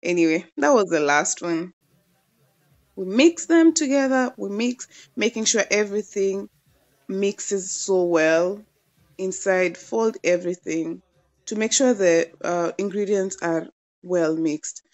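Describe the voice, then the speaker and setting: A woman's voice: medium pitch, slow pace, a little mellow, dull audio. A young woman in her twenties chatting casually as she narrates a home cooking demo, playful and gushing about the food. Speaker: cooking vlogger.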